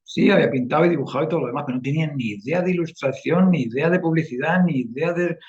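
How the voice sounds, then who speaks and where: A man's voice: fairly high pitch, fast, highs cut off. A man from Spain with a Spanish accent, teaching a one-on-one online painting class and often checking in with "eh?" as he explains. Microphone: video call.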